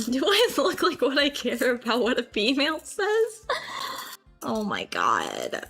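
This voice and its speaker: A woman's voice: high voice, sing-song, moderate pace, fairly bright tone, faint music behind. A woman streaming a casual chat with viewers, playful and giggly, often slipping into silly voices. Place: grandmother's house.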